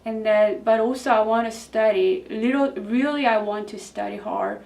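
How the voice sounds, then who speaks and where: A woman's voice: on the high side, steady tone, normal speed, vocal fry, a little mellow. A woman from South Korea with a Korean accent, speaking English as a second language, earnestly telling her story in an interview. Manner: earnest, non-native phrasing. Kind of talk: interview testimony. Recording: distant mic with faint noise.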